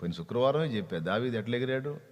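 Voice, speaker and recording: A man preaching a sermon with an animated manner, asking the congregation questions and urging them to answer out loud. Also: medium pitch, very fast. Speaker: pastor. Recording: reverberant hall.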